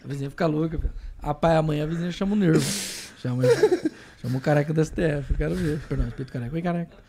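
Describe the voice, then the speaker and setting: A man's voice: fairly high pitch, rapid-fire, vocal fry, warm tone, a little hiss or hum. A man with a Brazilian accent in casual podcast chat, rambling and joking with sudden exclamations and swearing. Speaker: podcast guest comedian.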